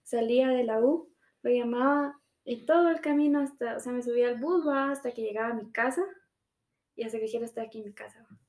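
A young woman chatting casually, telling animated stories and tagging her sentences with little questions. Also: a little high, brisk, roomy sound. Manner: animated storyteller, ends phrases with tag questions. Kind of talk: casual chat.

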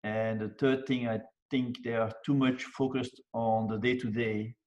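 A man's voice: mid-range voice, flat delivery, unhurried, a little mellow. Older man, dull lo-fi sound. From Belgium. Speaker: business mentor guest. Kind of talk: casual interview talk.

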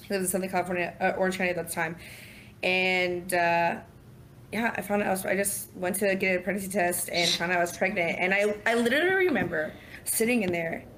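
A woman in her thirties, a podcast guest, telling a personal story in a lively way, acting out what people said and laughing often. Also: on the low side, brisk, slight background noise. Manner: animated, acts out quotes, laughs often. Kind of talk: casual storytelling.

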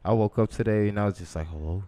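A man in his thirties trades crude jokes and stories in a casual podcast chat, sitting close to the mic. His voice sits very low, with a dark, mellow tone. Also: fairly even intonation, racing, clean tone. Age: 30s. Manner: crude, joking storyteller. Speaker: podcast co-host.

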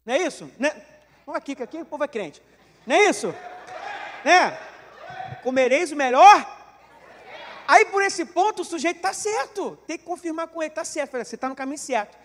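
A man with a Brazilian Portuguese accent, a pastor giving a joking, animated sermon full of questions to the congregation. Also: extremely high pitch, fast talker, in a large hall, some chatter behind.

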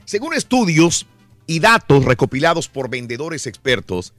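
A morning radio host with a slightly raised voice announces the time and the next segment in a brisk way. A little music plays softly behind him. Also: male voice, fairly high pitch, very animated, dry recording.

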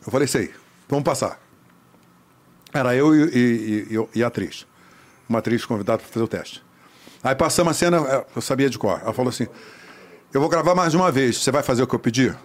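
A man telling a lively anecdote about his acting career, acting out the other people's voices. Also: medium pitch, fast, long pauses. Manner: animated storyteller, acts out voices. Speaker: actor telling a story. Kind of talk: casual anecdote.

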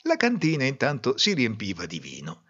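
A man narrating a folk tale in a lively, theatrical way. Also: mid-range voice, normal speed, husky. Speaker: storyteller. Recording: dull lo-fi recording.

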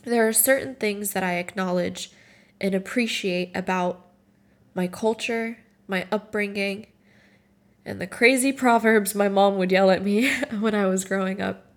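A woman in her twenties from Morocco, tearful and tired, sharing a personal reflection and reading her own writing aloud in a halting, emotional way with frequent restarts. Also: medium pitch, fairly even intonation. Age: 20s.

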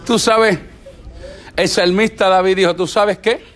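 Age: middle-aged. Sex: man. Pitch: high. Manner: animated, exhorting preacher. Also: a little slow. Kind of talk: church teaching talk.

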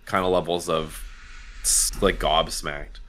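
A man's voice: a bass voice, fairly even intonation, unhurried, fairly bright tone. A man co-hosting a podcast in casual chat, gushing and emphatic, often repeating himself. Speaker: podcast co-host.

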